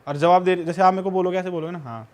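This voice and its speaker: Male guest, casual rambling storyteller, a bit high-pitched. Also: flat delivery, very fast. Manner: rambling, conversational, often says "bhai" and "na".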